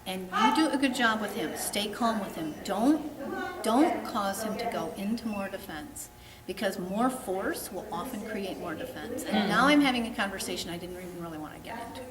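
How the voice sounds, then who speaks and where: A woman's voice: medium pitch, expressive, moderate pace, over a noisy crowd. A woman dog trainer coaching a client in a frank, plainspoken way. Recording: roomy, distant, noisy background.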